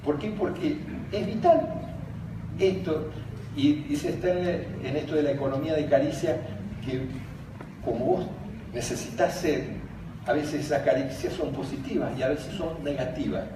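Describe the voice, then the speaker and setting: A man's voice: on the high side, normal speed. Older Argentine man speaking in an echoey hall. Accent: Argentine Spanish. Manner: anecdotal and jokey, laughing as he tells stories. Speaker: speaker on emotional education, former teacher. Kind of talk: conference talk. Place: large conference hall. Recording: very echoey hall, distant, background noise.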